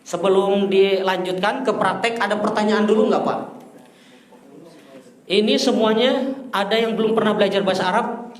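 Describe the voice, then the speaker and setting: A man teaching an Arabic class, lively and teasing with his students. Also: high-pitched, moderate pace, long pauses. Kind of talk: classroom lesson. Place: indoor classroom. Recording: echoey room, far from the mic.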